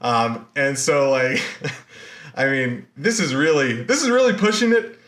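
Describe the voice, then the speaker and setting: A man giving a recorded university lecture, retelling a myth in a slangy, animated way with lots of fillers. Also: medium pitch, unhurried, echoey room.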